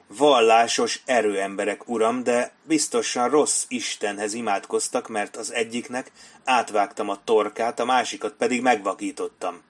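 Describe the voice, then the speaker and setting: Male narrator voicing a hard, menacing soldier, low and flat-toned, blunt threats in a storybook. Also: natural voice. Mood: cold. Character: gruff, cold, menacing soldier. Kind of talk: audiobook character voice.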